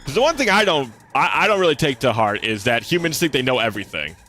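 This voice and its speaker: Casually chatting with his stream audience while gaming, a young man with a slight lisp talks in a relaxed, cuss-laden way. His relatively deep voice is very animated, fast and sharp-toned, with faint music in the background.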